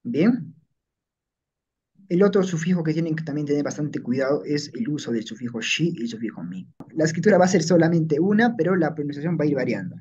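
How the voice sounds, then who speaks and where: Guy teaching a class, kinda high voice, keeps asking "right?", muffled recording. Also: darkish tone, breathy edge. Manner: explains patiently, checking in with "¿no?" and "¿ya?". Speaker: language teacher. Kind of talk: classroom lesson. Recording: dull lo-fi recording.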